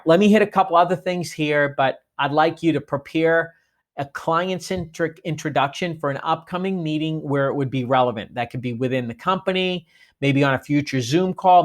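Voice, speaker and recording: A man from Boston with a Boston accent, giving an instructional training talk on communication in a lively, demonstrative way. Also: fairly high pitch. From Boston, United States. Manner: lively, demonstrative, often slows for emphasis.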